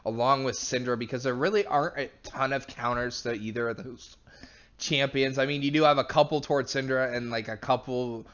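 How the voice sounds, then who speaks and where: Male esports caster, chatty and analytical, mid pitch, muffled lo-fi sound. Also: steady tone, a little fast, fairly bright tone, smooth. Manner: chatty, analytical, laughs often. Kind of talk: play-by-play commentary.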